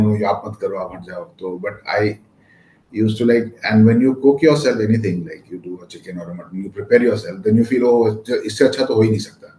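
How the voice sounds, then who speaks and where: A man in his fifties with a low-ish, slightly mellow voice answers a casual interview in a rambling way, full of fillers. He's a real estate lawyer from West Bengal, India, whose native language is Maithili and who speaks with an Indian English accent. The setting is echoey, with faint noise.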